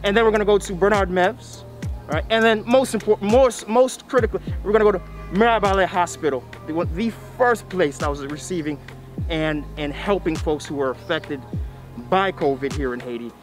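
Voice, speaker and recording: Man, thirties, high voice, speaking through a face mask, emphatic vlog host, repeats himself for effect, outdoors. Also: a little fast, faint music behind. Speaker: video series host. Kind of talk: vlog presenting to camera. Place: outdoors on a tree-lined roadside.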